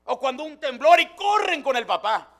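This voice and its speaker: Fervent high-voiced preacher. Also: male voice, sing-song, moderate pace. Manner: fervent, keeps calling out "brothers", swings from hushed to shouting. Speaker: pastor. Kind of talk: Pentecostal sermon. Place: church.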